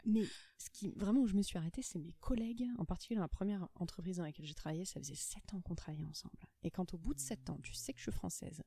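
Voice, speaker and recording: A woman from France chatting casually as a podcast host, telling stories in a lively way and acting out the people in them. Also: fairly low pitch, quick pace, gravelly, few pauses, husky, no echo. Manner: lively storytelling, acts out the people in her stories. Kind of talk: casual conversation.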